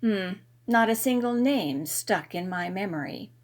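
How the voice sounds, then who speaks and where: Woman reading a romance novel aloud, playful, slow, pitch moves a lot. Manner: expressive, playful. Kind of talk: first-person audiobook narration.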